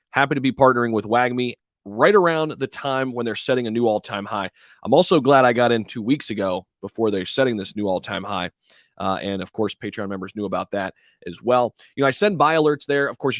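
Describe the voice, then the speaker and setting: A man's voice: mid-range voice, no room sound. Male livestream host, crypto bro type: casual promotional patter, slangy, very dry recording.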